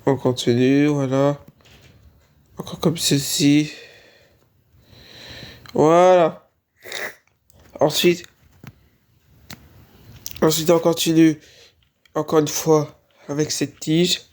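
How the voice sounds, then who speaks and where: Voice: mid-range voice, steady tone, extremely slow, pauses often, a little mellow. A speaker a little sick, hesitantly narrating a casual game-building tutorial and repeating the same filler phrases. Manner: hesitant, repeats "voilà" and "on continue". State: slightly sick, sneezing. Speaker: Minecraft building tutorial creator.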